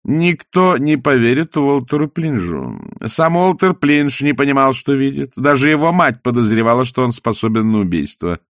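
A man's voice: medium pitch, big pitch swings, normal speed, dry recording, studio quality. A man voicing a scheming, mocking male opera villain who speaks in a sneering, theatrical, taunting way.

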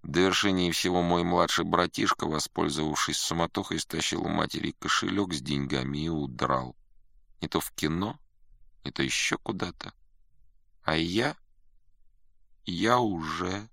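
A man voicing a glum young male kappa student with a nasal voice, complaining quietly. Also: low voice, normal speed, vocal fry, no echo, clean studio sound, full character voice.

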